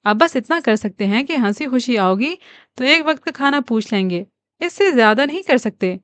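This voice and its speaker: A woman playing a blunt unsentimental middle-aged mother, calm and cutting, clear close voice. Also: on the high side, no echo, lightly acted.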